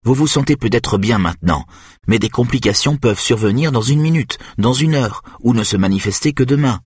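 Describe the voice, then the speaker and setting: A man reading an audiobook, voicing a calm young doctor giving a measured warning. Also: medium pitch, breathy edge, no echo, clean studio sound, pitched above the performer's own voice.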